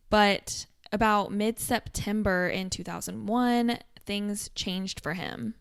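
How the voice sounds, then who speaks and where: A woman co-hosting a podcast, casually retelling a true stalking story with lots of fillers. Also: smooth. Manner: retells stories with frequent fillers, drops to a low murmur for asides. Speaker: podcast co-host.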